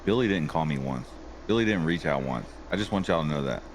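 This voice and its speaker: A man's voice: very deep voice, animated, a little fast. A man co-hosting a casual podcast, teasing and bantering playfully. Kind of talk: casual chat. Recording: clear background noise.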